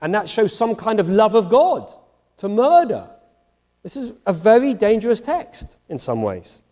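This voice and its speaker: A middle-aged man gives a university lecture as a rabbi, swinging his pitch widely as he acts out each exchange. His voice is mellow and fairly high for a man. It rings with the long reverb of a large chapel. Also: measured pace. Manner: animated, acts out dialogue in voices. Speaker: rabbi giving a public lecture.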